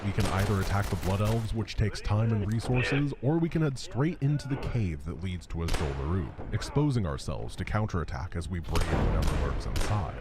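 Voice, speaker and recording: A man narrating a video game playthrough from a script with wry, deadpan humour. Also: low voice, fairly quick, hardly any pauses, very noisy. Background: clear music.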